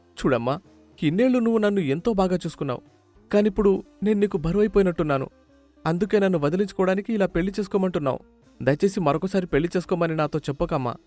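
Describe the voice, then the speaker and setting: A man's voice: sits high, expressive, very fast, a little mellow, faint music behind, pitched above the performer's own voice. A man voicing a melodramatic young son who weeps at the idea of marriage, with a whiny, tearful manner.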